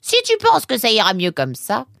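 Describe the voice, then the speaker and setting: A woman voicing a fussy, excitable female animal who keeps a mill, exclaiming in a high voice. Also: moderate pace, creaky, dry recording, clean studio sound, heavily acted. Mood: fretful. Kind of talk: storybook character voice.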